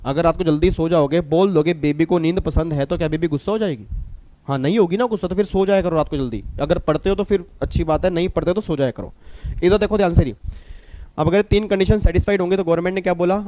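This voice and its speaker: A middle-aged man with an Indian accent teaching a tax class, lively, repeating his points and teasing students. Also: sits high. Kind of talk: recorded classroom lecture.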